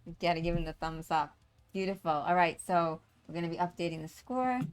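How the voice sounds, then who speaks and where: A woman with a New York accent hosting a pool stream, speaking haltingly with many restarts over a video call. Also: fairly low pitch, smooth. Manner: halting, hesitant, full of restarts. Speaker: tournament host. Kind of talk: casual live commentary.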